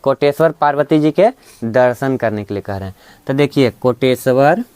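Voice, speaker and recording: A darkish, clean mid-range voice at normal speed belongs to a man giving a reasoning lecture. The class is both in person and streamed online, and he keeps coaxing students with frequent "है ना" and "ठीक है".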